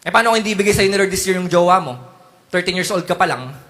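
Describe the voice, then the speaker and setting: Animated, bright-voiced preacher. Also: male voice, high-pitched, fast. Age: 30s. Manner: animated, jokey preaching with mock prayers and sudden loud outbursts. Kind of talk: sermon.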